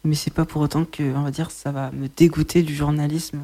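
A young man with a slightly high voice, speaking as a guest on a radio show. He answers in halting bits and repeats words as he works through his thoughts. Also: little pitch movement, mellow. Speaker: aspiring journalist guest. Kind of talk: radio interview.

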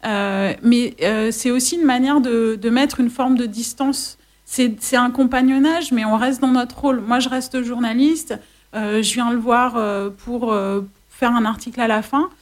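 A woman journalist speaking as a guest on a radio show, choosing her words slowly and pausing often. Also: fairly high pitch, fairly even intonation. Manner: thoughtful, hesitant, many fillers. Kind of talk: radio interview. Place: radio studio.

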